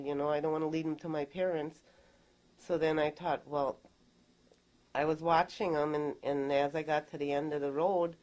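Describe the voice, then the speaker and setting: A middle-aged woman giving testimony in a recorded deposition, recounting events in a plain, halting way. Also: sits low, darkish tone. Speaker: deposition witness.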